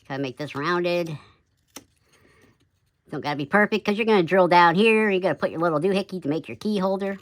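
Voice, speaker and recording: With long pauses, a woodcarving instructor's high-pitched voice moves a little fast through a casual, step-by-step carving demo. The audio is doubled in speed into a chipmunk voice, and he tosses in folksy asides such as "oop" and "yep."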